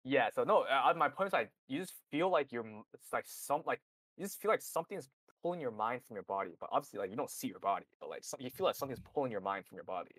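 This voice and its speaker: Casual podcast co-host, male, quick and animated, dry close mic, rambling delivery. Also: medium pitch, dry recording. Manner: rambling, full of "like" and restarts. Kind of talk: casual group chat on a call.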